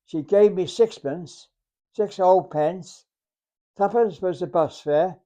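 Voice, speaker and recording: Very old Englishman, halting and mellow. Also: high voice. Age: 100. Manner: halting, deliberate, acts out remembered dialogue. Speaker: war veteran. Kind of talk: unscripted reminiscence, storytelling.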